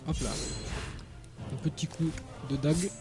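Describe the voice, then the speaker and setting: A man giving casual, halting video game commentary, thinking aloud as he plays. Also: on the high side, fairly even intonation. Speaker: gamer, let's play host. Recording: game music behind voice. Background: video game music.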